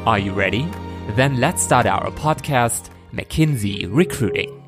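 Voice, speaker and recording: A male podcast host with a mid-pitched voice leads the interview. He asks his questions in an upbeat, friendly way. Faint music plays quietly behind him. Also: lively intonation, measured pace. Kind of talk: interview hosting.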